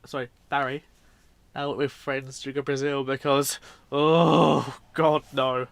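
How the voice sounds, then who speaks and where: A man's voice: medium pitch, completely flat delivery, a little fast, a bit bright, smooth, dry recording. A man giving casual, unscripted commentary on video clips in a rambling, informal way, often correcting himself. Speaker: video host.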